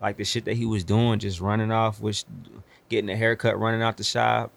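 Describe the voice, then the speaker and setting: Young American male, lowish gravelly voice, profane and emphatic street-slang conversation. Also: little pitch movement, a little fast. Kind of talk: casual chat.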